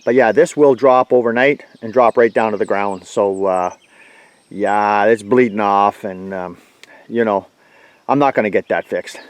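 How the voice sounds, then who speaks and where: A man's voice: on the low side, measured pace, no echo. A man giving a blunt, folksy, plainspoken walkaround review of his tractor outdoors. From Canada.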